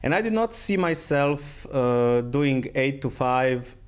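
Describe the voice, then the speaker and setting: A man's voice: mid-range voice, expressive, slow, clean tone. A middle-aged man from Croatia, a guest in a casual interview, speaking in phrasing and often repeating his words.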